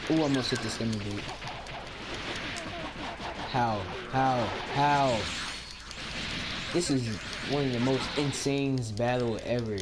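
A man's voice: medium pitch, brisk, hardly any pauses. Trash-talking gamer guy. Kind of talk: let's play commentary. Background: game music.

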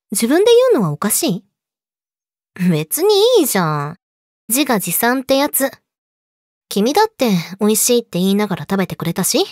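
A young woman playing a possessive yandere girlfriend, sweet but menacing, speaking softly and intimately to her lover in an audio drama. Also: on the high side, no room sound, clean studio sound. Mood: sweet, domestic. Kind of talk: Japanese situation voice audio drama, addressed to listener.

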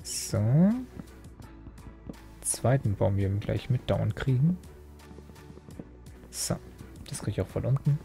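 A young man talks his way through a game session in a low, gravelly, mellow voice, rambling and poking fun at himself as he goes. Faint music plays underneath. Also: takes it slowly, pauses often. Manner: rambling, self-mocking, frequent fillers and restarts. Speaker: Let's Play host. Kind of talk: casual gameplay commentary.

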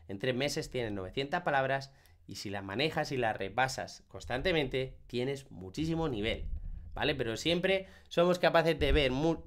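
Man, language teacher; medium pitch, animated and demonstrative, repeats words to drive points home. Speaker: English teacher. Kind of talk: online class explanation.

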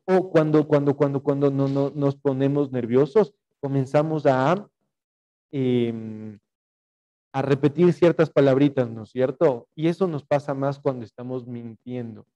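A man's voice: on the high side, warm tone, dull audio. A young man with an Ecuadorian Spanish accent, teaching a class over a video call, explaining and dictating notes with frequent fillers and rhetorical checks. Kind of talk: online class lecture.

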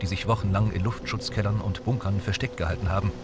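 A man reading scripted documentary narration in a measured, even way. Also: lowish voice, heavy background noise. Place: voice-over booth. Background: documentary score.

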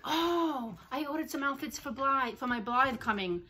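A woman chatting casually as she unboxes parcels at home, gushing and excited, often talking to her dogs. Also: high voice, fairly quick. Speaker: vlogger. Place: home, indoors.

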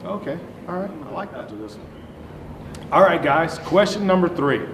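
A man's voice: a little high, very animated, moderate pace. A middle-aged man, the host, reads out numbered interview questions in an upbeat way in a large warehouse. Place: large warehouse with shelving, indoors. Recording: echoey warehouse with faint noise.

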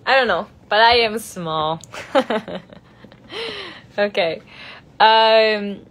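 A woman's voice: mid-range voice, extremely slow, fairly bright tone. A young woman answering fan questions on a phone livestream, switching between Spanish and English with frequent laughs. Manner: bilingual, giggly, chatty, reads questions aloud. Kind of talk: casual livestream Q&A.

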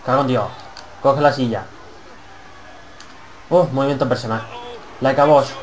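A man's voice: mid-range voice, steady tone, unhurried, rough recording. A young man with a Spanish accent from Spain, giving rowdy, swear-filled commentary while playing a wrestling game and taunting his opponent. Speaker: gameplay commentator. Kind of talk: excited let's-play commentary.

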